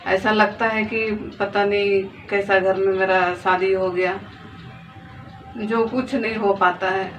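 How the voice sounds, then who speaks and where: Soft background music plays under a woman's medium-pitched, flat-toned voice, slow in pace. In her thirties and a mother of two daughters, she gives an emotional testimony to camera, telling her story, pleading earnestly, and repeating phrases, all on distant, dull lo-fi phone audio with faint noise.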